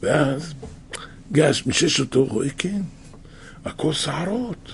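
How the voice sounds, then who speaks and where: A man retelling a scripture story in a halting, conversational way, with many restarts and a raspy, husky voice. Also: a little high, animated, a little hiss or hum.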